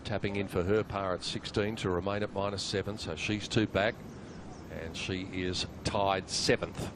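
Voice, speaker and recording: A man delivers live golf commentary in a fairly low voice. Clear outdoor background noise runs behind him as he describes the play for a television audience. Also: steady tone, moderate pace. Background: outdoor ambience.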